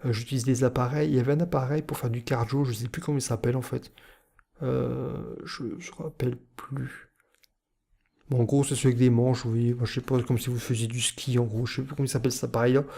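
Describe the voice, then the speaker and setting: A man's voice: mid-range voice, steady tone, quick pace, vocal fry, warm tone. A man from northern France with a northern French accent, giving rambling, hesitant self-help advice in a casual YouTube monologue. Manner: rambling, hesitant, many fillers and restarts.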